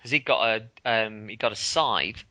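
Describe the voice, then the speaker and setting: A man's voice: on the low side, animated, normal speed, bright, forceful tone. A man co-hosting a podcast, recalling a game in casual chat with lots of ums and restarts. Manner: hesitant, many ums and restarts. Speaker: podcast co-host.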